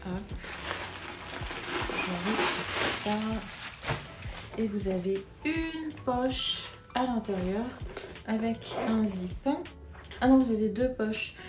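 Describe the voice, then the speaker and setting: A young woman casually chatting in a vlog, showing purchases and unboxing a bag, hesitant and full of fillers. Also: mid-range voice. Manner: chatty and hesitant, with many fillers and little interjections. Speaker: vlogger. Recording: roomy sound with music behind.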